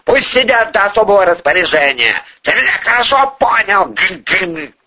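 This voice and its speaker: A man shouting as a raging bossy oligarch. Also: on the high side, sing-song, unhurried, noisy background, pitched above the performer's own voice. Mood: furious. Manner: yelling, swearing, domineering. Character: hot-tempered bossy male oligarch, shouting threats. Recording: dull lo-fi recording.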